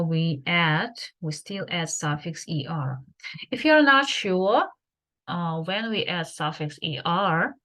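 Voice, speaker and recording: A woman teaching grammar in an online lesson, explaining slowly and deliberately with many fillers. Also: fairly low pitch, fairly bright tone. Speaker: English teacher. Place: home.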